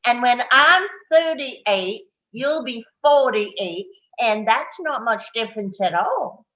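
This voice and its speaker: A woman's voice: a little high, expressive, takes it slowly, bright, forceful tone, heavily acted. A woman voicing a chatty, matter-of-fact eight-year-old girl in a table read. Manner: matter-of-fact, counting aloud. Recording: dull lo-fi audio.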